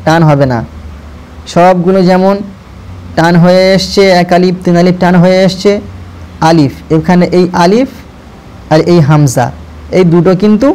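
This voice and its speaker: উঁচু গলার ধৈর্যশীল কোরআন শিক্ষক. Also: male voice, high voice, mellow. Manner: repeats each letter slowly, drawing out vowels, patient instructive tone; addresses viewers directly, urging them to listen closely. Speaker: Quran reading teacher. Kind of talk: slow step-by-step recitation lesson.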